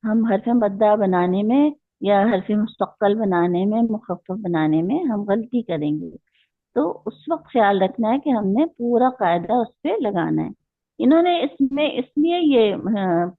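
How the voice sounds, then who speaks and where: Slow-paced woman teacher on a tinny line. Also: fairly high pitch, no room sound. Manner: patient, explaining step by step with questions to students. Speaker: Quran recitation teacher. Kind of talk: online class lecture.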